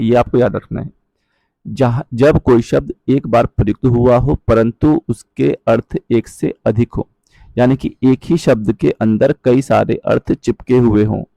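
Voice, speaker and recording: A man teaching a Hindi grammar lesson, explaining patiently, checking in with his viewers often and reciting verse lines slowly. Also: medium pitch, creaky, mellow, no echo. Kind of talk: online exam-prep lesson.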